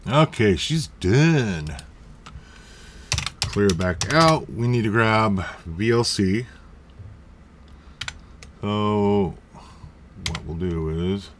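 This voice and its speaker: Deep-voiced man, unhurried tutorial host, self-correcting, faint typing behind. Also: noisy background. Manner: rambling, self-correcting, jokey asides. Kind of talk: casual screen-recorded tutorial.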